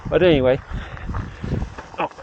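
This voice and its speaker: A middle-aged man with a slightly high, slightly slow voice rambles and muses to himself while vlogging outdoors on a mountain bike trail. He is a vlogger and amateur radio operator, and the muffled outdoor audio carries clear background noise.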